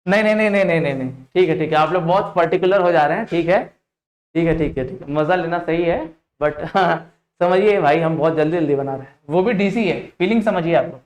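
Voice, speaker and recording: A man's voice: fairly high pitch, fairly quick. Indian man teaching in an echoey room. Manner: interactive, repeats "ठीक है" and "देखिएगा", drills students with questions. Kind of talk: live online class, quizzing students.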